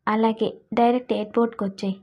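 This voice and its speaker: A woman voicing an excitable middle-aged father in a storybook drama, speaking in a rushed, excited way, on a dull lo-fi recording. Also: fairly high pitch. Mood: urgent.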